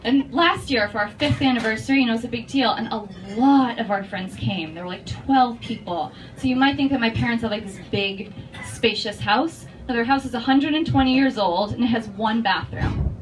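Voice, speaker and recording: A woman comedian telling a long stand-up story with animated, profane delivery that breaks into loud shouts. Her voice sits fairly high. The mic is far off and steady noise hangs behind her. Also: normal speed. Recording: distant mic, noisy.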